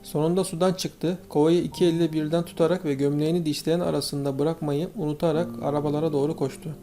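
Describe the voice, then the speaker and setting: A man narrating an audiobook in a steady storytelling manner. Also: fairly high pitch, fast. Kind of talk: scripted narration. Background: faint guitar music.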